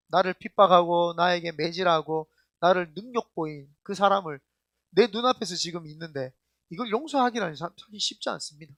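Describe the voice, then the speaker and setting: A man's voice: high voice, a bit bright, no echo, clean studio sound. A male senior pastor preaching a sermon in an emphatic, colloquial storytelling way, often putting questions straight to the congregation. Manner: addresses the congregation directly with questions.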